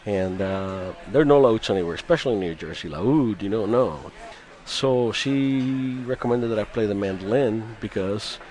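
Radio guest: deep-voiced Cuban-born musician in his fifties, relaxed and chatty. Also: normal speed, few pauses. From Cuba. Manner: chatty, laughs often, many restarts. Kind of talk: radio interview.

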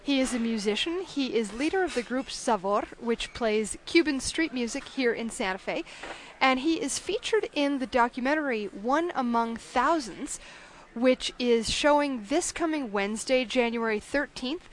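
Radio host: high-voiced woman, measured and clear in her questions. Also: lively intonation. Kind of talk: radio interview.

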